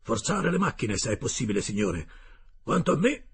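Man acting a harpooner, rugged, blunt, eager, husky, wide pitch swings, audiobook. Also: moderate pace, exaggerated voice. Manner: blunt, plain-spoken, shouts when excited.

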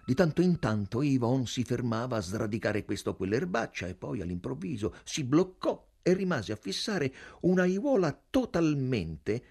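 A man narrating a literary novel as an audiobook, in a measured reading voice. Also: medium pitch, big pitch swings, gravelly, darkish tone, husky.

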